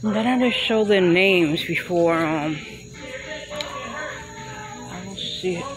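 A woman films a vlog on a handheld phone as she walks from a parking lot into a Halloween store, rambling and hesitating with lots of fillers. Her voice is on the low side and slow, the recording is low quality, and loud store music plays in the background.

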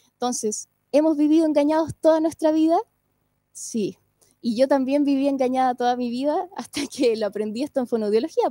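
High, mellow-voiced woman teaching voice. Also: no echo, clean studio sound. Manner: clear, explanatory, often checks in with listeners. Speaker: singing teacher and speech therapist. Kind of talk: online lecture.

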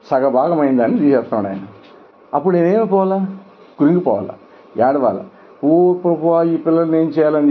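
Middle-aged man preaching emphatically, lo-fi. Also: a little high. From India. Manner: emphatic preaching, rhetorical questions, acts out quoted voices. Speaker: pastor. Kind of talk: sermon. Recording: dull lo-fi sound with faint noise.

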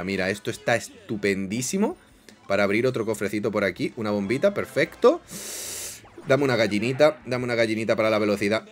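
A young man from Spain with a Spanish accent, giving excitable live gameplay commentary. He loves diminutives and often bursts into shouts. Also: medium pitch. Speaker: gaming youtuber.

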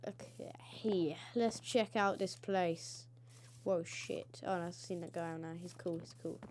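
A woman hosting a casual let's play, excitable and swearing as she reacts to the game. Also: on the low side, measured pace, a little hiss or hum.

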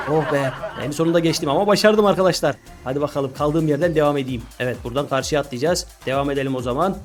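A man commentating a video game, often exclaiming, yelling and laughing. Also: a little high. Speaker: gaming YouTuber. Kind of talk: excited gameplay commentary.

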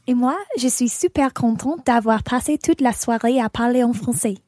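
A woman's voice: on the high side, fairly quick, dark tone, no room sound, clean studio sound, lightly acted. A woman playing a friendly dinner guest. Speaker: learner in a lesson dialogue. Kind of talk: scripted dialogue.

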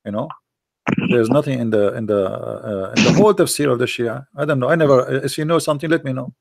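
A man from the Middle East, hoarse and losing his voice, insistently pressing rhetorical questions as host of an online debate. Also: mid-range voice, fast.

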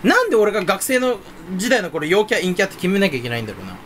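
A young man chats on his own from his room at home, hopping from topic to topic and making fun of himself. His pitch leaps around as he talks, and he talks fast with sudden loud outbursts. A faint hiss sits under the recording. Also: big pitch swings. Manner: scattered, self-mocking, jumps between topics, sudden loud outbursts and mouth noises. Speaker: streamer chatting solo. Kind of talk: rambling casual chat.

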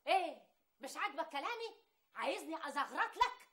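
An actress playing a sharp-tongued middle-aged mother in a TV drama, with an Egyptian Arabic accent, scolding and quoting proverbs. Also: sits high, big pitch swings, brisk. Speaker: mother-in-law in a family drama. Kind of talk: TV drama acting.

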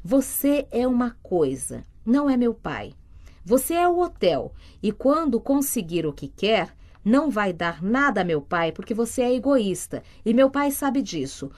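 Woman reading as a young boy, defiant, high and insistent, audiobook. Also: sing-song, unhurried. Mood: pleading, accusing. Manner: high, insistent, rising to shouts.

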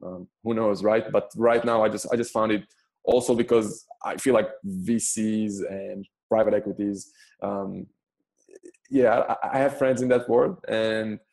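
Soft-toned Israeli man, halting speech. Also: on the low side. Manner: halting, frequent restarts and stammered repeats, non-native phrasing. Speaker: podcast guest, business investor. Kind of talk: casual interview answers.

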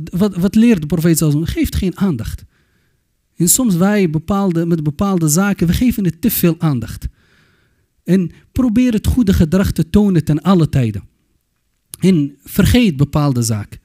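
A man lectures young listeners in an earnest, admonishing way, slipping Arabic phrases into his speech. His voice sits a little high for a man, yet it sounds dark and mellow. He often stops and restarts his words as he goes. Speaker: Islamic youth lecturer. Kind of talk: religious lecture.

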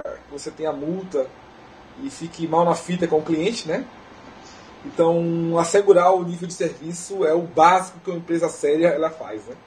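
Brazilian male tech lecturer, high pitch, chatty explainer style. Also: a little mellow, slight background noise, rough recording. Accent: Brazilian Portuguese. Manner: conversational, often tags "né?" and restarts phrases. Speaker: technical lecturer. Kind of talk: technical lecture. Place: conference lecture hall.

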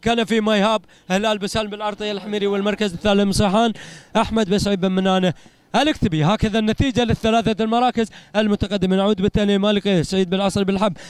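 A man with an Emirati accent calls a race live in a very high, clear voice. He talks fast and stays excited, firing off repeated phrases in chanting bursts. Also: dry recording. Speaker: camel race commentator.

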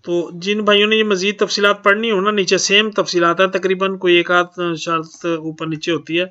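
A Pakistani man hosting his own channel plainly reads out auction notices, adding a polite "ji" to most sentences. His voice is high-pitched and bright with a forceful tone. The sound is lo-fi.

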